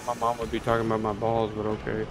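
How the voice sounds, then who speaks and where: A man's voice: on the low side, completely flat delivery, fast talker. A man in casual gaming banter, grumbling and swearing. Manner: grumbling, profane. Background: music and game sounds.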